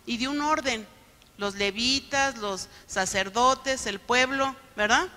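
Woman pastor, sermon, bright forceful voice, a bit high, long church-hall reverb, keeps asking the crowd "right?". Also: takes it slowly. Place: church sanctuary.

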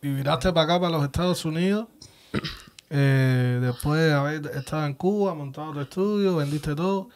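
A man's voice: moderate pace, darkish tone. Upbeat interview host man. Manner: upbeat, pitches giveaways and subscriptions. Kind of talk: casual interview hosting.

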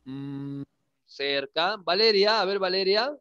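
A man's voice: high-pitched, lively intonation, slow, pushed and bright, clear, resonant tone, dull audio. A man teaching an English class online, switching between languages and checking in with the students often. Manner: checks understanding with frequent "¿sí?", chuckles often. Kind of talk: online class, bilingual explanation.

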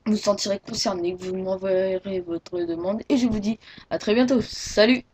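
A teenage girl chats through a casual gaming announcement in a husky, breathy voice. She rambles, restarts her sentences and fills gaps with hesitations. The sound is dry and close, with no room around it. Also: medium pitch, moderate pace, darkish tone, dry recording. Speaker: Minecraft YouTuber.

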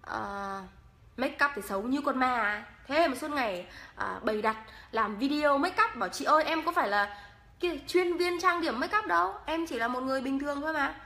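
Woman vlogger, northern Vietnamese accent, high bright voice, jokey makeup chat. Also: animated, fairly quick. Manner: playful and teasing, laughs often. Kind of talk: casual makeup vlog chat.

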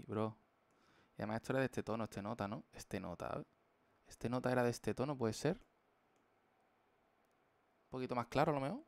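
A man's voice: mid-range voice, creaky, a little mellow, dry recording. A young man from chatting casually on a live stream while he draws, playful and full of slang. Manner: playful, slangy, jokey rambling.

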